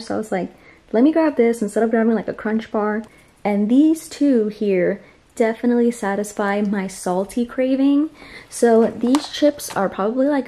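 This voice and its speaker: A lifestyle vlogger in her twenties chats casually about groceries and meal prep from the living room of her small apartment. Her medium-pitched voice has a dark tone, and she's upbeat and full of fillers.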